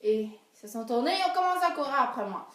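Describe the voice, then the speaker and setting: Animated high-voiced young woman storyteller. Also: fast, distant mic. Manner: animated, swinging from hushed asides to excited cries. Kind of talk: performed comic monologue. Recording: roomy echo.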